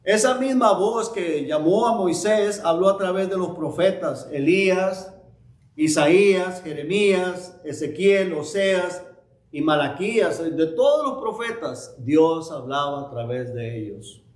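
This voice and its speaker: A man preaching a sermon as pastor, swinging between emphatic declarations and quieter readings of scripture. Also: sits high, expressive, a little slow, echoey room.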